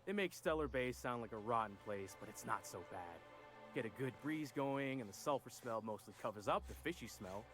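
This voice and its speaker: An actor playing a chipper, simple small-town guard in a video game, folksy, guileless and eager to please. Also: male voice, medium pitch, lively intonation, fairly quick, a bit bright, soft background music, close to an everyday voice. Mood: easygoing. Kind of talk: video game character acting.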